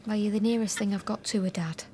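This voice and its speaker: A woman with a Northern English accent playing a warm, sincere young bride-to-be in a TV soap. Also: medium pitch, fairly even intonation, fast talker, slight background noise, close to an everyday voice. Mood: sincere, affectionate. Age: young adult. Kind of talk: naturalistic TV soap acting.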